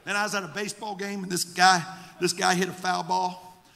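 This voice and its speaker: A male pastor preaching a sermon with fervor, moving between shouted exhortation and quiet storytelling. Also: high-pitched, level tone, fairly quick, vocal fry, in a large hall. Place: church sanctuary.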